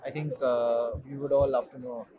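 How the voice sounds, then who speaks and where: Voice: mid-range voice, flat delivery, moderate pace, lo-fi sound, noisy background. A host running an interview in a casual way, with frequent short affirmations.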